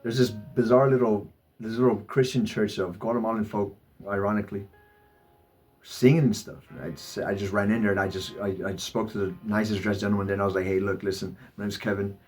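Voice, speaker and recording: A man speaking in a halting personal vlog monologue, with many stammered repeats. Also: lowish voice, steady tone, darkish tone. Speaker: vlogger. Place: Los Angeles. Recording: faint music behind.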